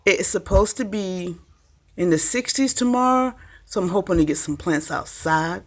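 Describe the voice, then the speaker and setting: This gardening vlogger's voice is fairly low but lively in intonation, at a normal pace. She wanders chattily through a handheld-phone tour of her little makeshift greenhouse indoors, with lots of ums.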